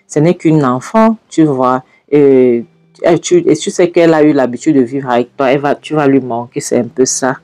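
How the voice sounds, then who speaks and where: A soothing, smooth-talking boyfriend coaxes calmly and keeps checking for agreement, as a woman voices him. The voice is low and mellow, with faint music behind it. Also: normal speed, no echo. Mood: coaxing. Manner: soothing, coaxing, repetitive "d'accord?". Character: smooth, coaxing man, the mother's boyfriend.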